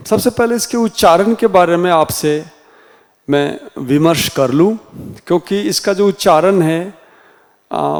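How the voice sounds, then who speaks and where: A man teaching a Hindi class in a slow, deliberate way with a Rajasthani accent, sounding out each letter one by one. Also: on the high side, darkish tone. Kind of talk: classroom lecture. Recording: reverberant room sound.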